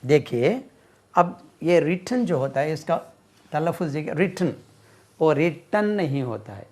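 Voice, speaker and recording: A man teaching English grammar, repeating words slowly while he writes on a board. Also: a little high, big pitch swings, mellow. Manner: slow, repeats words and spells them out while writing. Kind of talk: classroom-style lesson explaining grammar.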